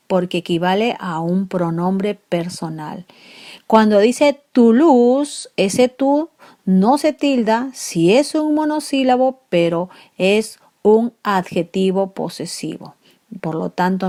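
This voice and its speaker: A woman's voice: mid-range voice, a little mellow. A woman teacher explaining a grammar lesson to students, stressing each key word as she goes. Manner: slow, deliberate explanation with stressed key words.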